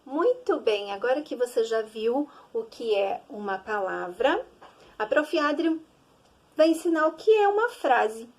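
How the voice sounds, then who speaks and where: Slow sing-song Brazilian woman teacher. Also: fairly high pitch, big pitch swings. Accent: Brazilian Portuguese. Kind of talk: early-grade reading lesson.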